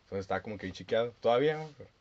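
A young man with a Mexican accent, co-hosting a podcast in casual chat, often halting and repeating words while recalling things. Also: mid-range voice, animated. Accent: Mexican Spanish. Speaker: podcast co-host. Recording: dull lo-fi with faint hiss.

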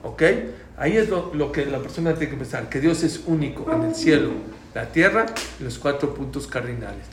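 A man teaches a prayer class in a mid-range voice at a moderate pace, explaining points and quizzing his students. He's lively, asking the class questions and loudly repeating key points. The room echoes, with faint background noise.

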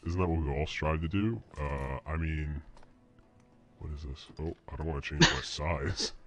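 A man voicing a laid-back old gray man from a video game, with a deep, demonic, pitched-down voice and slow, hesitant talk. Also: soft background music. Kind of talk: casual gaming chat in character.

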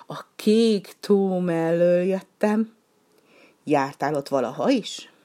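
A woman's voice: fairly low pitch, animated, warm tone, natural voice. A woman voicing a fussy, whiny little wild duck in a storybook reading, pleading and complaining with a sniffly cold. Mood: boastful.

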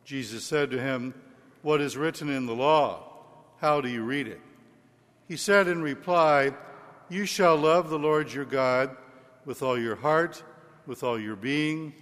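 A man speaking as a priest at a church service, reading and preaching with solemn, deliberate phrasing and measured pauses. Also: medium pitch, a bit bright. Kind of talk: liturgical Gospel reading and homily. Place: large reverberant church. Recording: echoey cathedral-like hall with long reverb.

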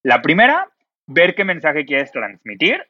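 A man, an image consultant chatting casually on a podcast, expressive and full of fillers. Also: fairly high pitch, measured pace, dry recording, highs cut off. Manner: expressive, uses many fillers like "o sea".

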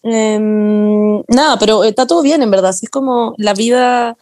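A young adult woman with a Chilean accent co-hosts a podcast, chatting casually among friends, rambling with lots of slang and laughing often. Her voice is a little high and darkish in tone, at normal speed, with no room sound.

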